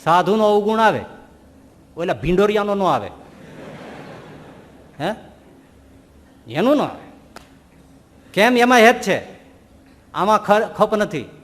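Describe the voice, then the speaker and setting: A man preaching a sermon, telling animated stories and asking rhetorical questions. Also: high voice, takes it slowly, long pauses, big-room sound, a little hiss or hum. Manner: animated storytelling, rhetorical questions, voices quoted figures. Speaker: Swaminarayan preacher.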